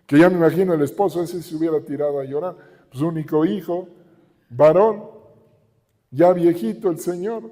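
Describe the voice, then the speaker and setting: A man's voice: a little high, moderate pace, mellow. A middle-aged man with a Mexican Spanish accent, preaching a sermon with emphatic repetition and rhetorical questions. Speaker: pastor. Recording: reverberant hall.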